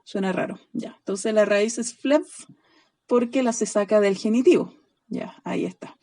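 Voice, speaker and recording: A woman teaching a recorded online class, patiently spelling out word endings and checking in with a quick "ya?" after nearly every line. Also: mid-range voice, dark tone. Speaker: Greek teacher.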